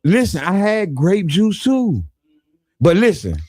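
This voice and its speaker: A man's voice: high-pitched, sing-song, slow pace, darkish tone. A man co-hosting a morning radio show with playful, joking banter, often repeating phrases for effect.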